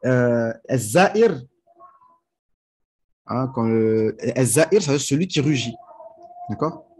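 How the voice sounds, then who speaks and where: A man with a husky, slightly breathy voice teaches a religious lesson. He speaks at a middle pitch and explains things patiently through everyday examples. He reads Arabic phrases slowly before translating them. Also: lively intonation, darkish tone.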